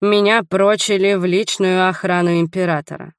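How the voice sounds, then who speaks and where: A woman voicing a grave, tender young male swordsman who speaks quietly and slowly. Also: fairly low pitch, steady tone, clear, resonant tone, no echo, studio quality, close to an everyday voice. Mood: somber.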